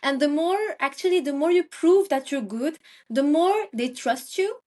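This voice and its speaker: A young woman from Morocco talks in a casual interview, stopping and restarting her sentences often. Her voice sits fairly high. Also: animated, moderate pace, dark tone. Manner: hesitant, many fillers and restarts. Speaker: guest, Ayurvedic practitioner.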